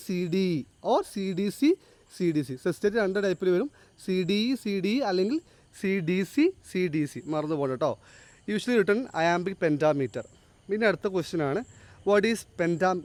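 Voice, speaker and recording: Male teacher lecturing a class, bit high voice, asks students questions, dry close sound. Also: a little mellow, no echo. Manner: explains, then asks the class to answer; reads English lines slowly and deliberately.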